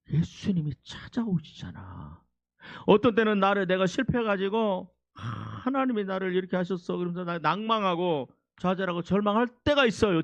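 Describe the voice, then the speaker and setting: A man with a Jeolla Korean accent preaching a sermon as pastor, swinging from loud exclamations to hushed near-whispers. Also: fairly high pitch, creaky, no echo, lo-fi sound.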